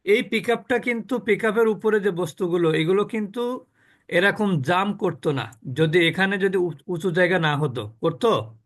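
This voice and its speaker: A man teaching a class on recitation rules. He explains patiently with everyday examples, often checks that his students follow, and repeats words slowly to demonstrate pronunciation. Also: sits high, lively intonation.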